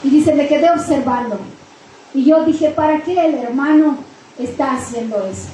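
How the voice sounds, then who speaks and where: A woman pastor delivers a storytelling sermon, acting out dialogue and repeating key phrases for weight. Her voice sits high but mellow. The church hall rings with heavy echo, with a faint hum of room ambience behind her. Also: moderate pace. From Mexico. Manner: retells an anecdote with quoted dialogue and repetition.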